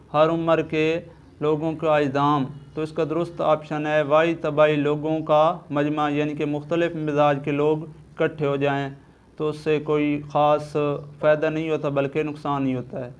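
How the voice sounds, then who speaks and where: A man with a Urdu-speaking Pakistani accent, reading exam questions and answer options one by one and then naming the right answer, in a steady, methodical way. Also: on the high side, smooth, muffled recording. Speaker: exam-prep teacher.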